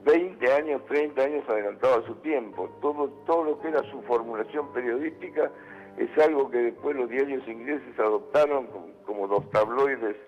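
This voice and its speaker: A man's voice: mid-range voice, moderate pace. A man with an Argentine accent, a journalist guest calling in by landline phone and speaking emphatically, repeating his points. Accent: Argentine Spanish. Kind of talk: phone interview. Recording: muffled phone line with music.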